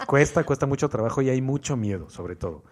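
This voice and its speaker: A podcast co-host with a Mexican Spanish accent talks at length in a casual chat, sounding enthusiastic and motivational. He speaks fast with a medium pitch and an animated delivery.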